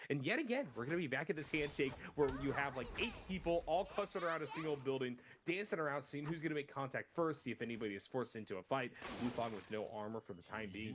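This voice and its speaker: Brief: male esports analyst, measured tactical commentary, noisy broadcast feed. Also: mid-range voice. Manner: measured, explains the tactics of each fight.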